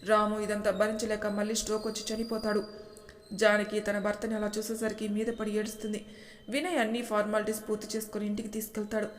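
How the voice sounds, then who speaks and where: A woman storyteller narrating a family drama serial in a steady, even manner. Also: mid-range voice, fast talker. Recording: echoey room.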